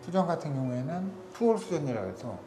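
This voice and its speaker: A man who heads an interior design firm, explaining renovation details in a brisk, technical, matter-of-fact way. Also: a little high, sing-song, echoey room, over music. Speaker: interior design company head.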